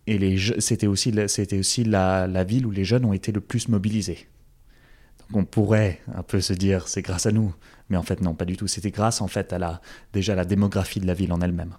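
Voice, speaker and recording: In a casual interview, a young adult man from France speaks as a guest about his past as a campaign organizer, his French-accented speech full of fillers and false starts. His voice is low-pitched, brisk, and a little mellow, with a steady tone.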